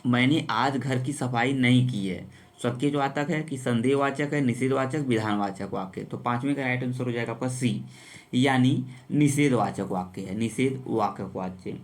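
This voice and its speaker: A man's voice: mid-range voice, moderate pace. A man teaching an exam-prep lesson, working through quiz questions and often repeating himself and calling his viewers friends. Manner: repetitive, addresses viewers as friends.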